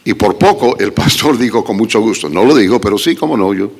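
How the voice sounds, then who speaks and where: A man, a pastor, preaching an animated, humorous sermon full of rhetorical questions and joking asides in a church. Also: fairly low pitch, fairly quick, creaky. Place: church sanctuary at a conference. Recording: long reverb of a large church hall.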